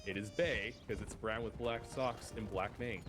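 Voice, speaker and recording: Laid-back, joking junior detective, played by a man with a lowish voice. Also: fairly even intonation, normal speed, music in the background, natural voice. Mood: wry. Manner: casual, wisecracking. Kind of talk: in-character role-play.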